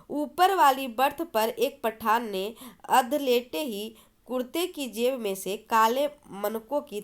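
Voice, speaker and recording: A woman teacher reading a story aloud and explaining it, asking and answering her own questions. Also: mid-range voice. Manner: explanatory, asks and answers herself.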